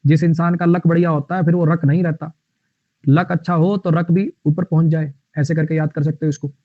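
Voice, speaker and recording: A man teaching English vocabulary in a live online class. He explains words with playful mnemonics and reads the English example sentences slowly. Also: on the high side, steady tone, no room sound. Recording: tinny, phone-like line.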